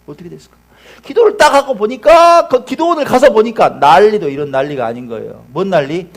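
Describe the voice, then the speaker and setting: A man's voice: high voice, expressive, fairly quick. A male pastor preaching a sermon, telling a story animatedly with rhetorical questions.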